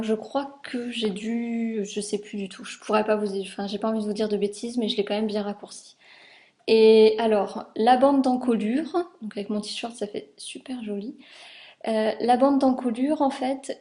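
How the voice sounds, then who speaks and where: A young woman from France talks through her homemade clothes in a relaxed, rambling vlog. Her voice sits a little high, and she fills pauses often as she points out the details. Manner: chatty, many fillers, shows garments. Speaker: sewing vlogger. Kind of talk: casual chat.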